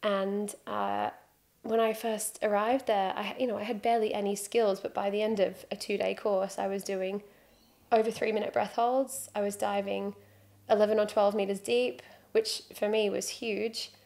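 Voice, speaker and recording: A creaky, darkish voice of medium pitch, level in tone and at normal speed, belongs to a British freediving instructor in her thirties. As a podcast guest on a studio sofa against a plain wall, she wears headphones and speaks close to a desk mic, sharing her story in relaxed chat and joking at her own expense.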